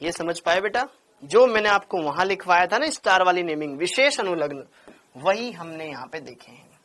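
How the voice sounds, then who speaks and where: A man's voice: sits high, expressive, moderate pace, a bit bright. A man teaching chemistry in an online class, drilling points over and over and scolding students by name. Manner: calls students by name and "beta".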